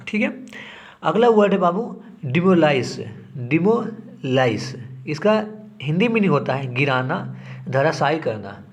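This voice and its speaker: Man teaching, tag at each phrase's end. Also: a little high. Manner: repeats each word, ends phrases with a tag; calls viewers affectionately. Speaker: exam prep teacher. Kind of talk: Hindi vocabulary lesson.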